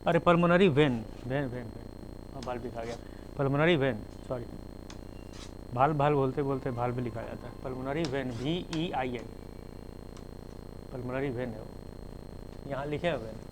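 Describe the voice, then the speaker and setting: A man's voice: mid-range voice, moderate pace, long pauses, background noise. A male teacher giving a classroom lecture, spelling terms out letter by letter and explaining with everyday examples.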